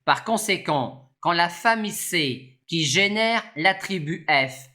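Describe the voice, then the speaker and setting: A lecturer giving a scripted maths explanation in a measured, formal manner. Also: medium pitch, animated, pushed and bright. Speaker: mathematics lecturer.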